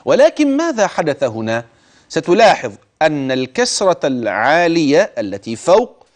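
A man teaching the rules of Quran recitation. He speaks straight to the listener, urges attention, and slowly stretches words to demonstrate how they should be pronounced. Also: on the high side. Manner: addresses the listener directly, urging attention. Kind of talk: tajweed lesson with recited examples.

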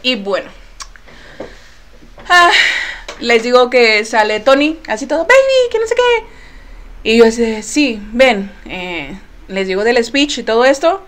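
A woman's voice: fairly high pitch, a little slow, long pauses. A young woman with a Mexican accent tells a personal story to her viewers in casual chat, acting out what each person said and trailing off with filler phrases, recorded on her laptop mic. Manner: animated, acts out quoted voices, trails off with "bla, bla, bla". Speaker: vlogger.

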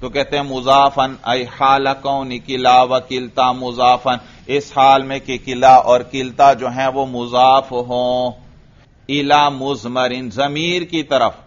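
A man with a Pakistani Urdu accent teaching Arabic grammar in a classroom lecture, asking questions and answering them himself, and reciting Arabic examples slowly. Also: mid-range voice, little pitch movement. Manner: drills students with questions and answers. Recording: dull lo-fi recording.

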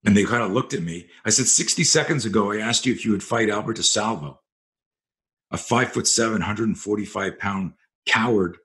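A man's voice: on the low side, fairly quick, fairly bright tone. A man telling blunt, profane stories as a self-defense instructor on a podcast. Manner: blunt, profane, vivid storyteller. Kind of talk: storytelling in a podcast interview.

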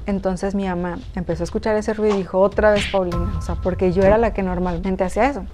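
A woman's voice: mid-range voice, fairly even intonation, quick pace. Chatty Mexican woman telling a story. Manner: chatty, addresses viewers directly, many fillers. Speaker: YouTuber telling a personal story. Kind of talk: casual storytime narration. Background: background music.

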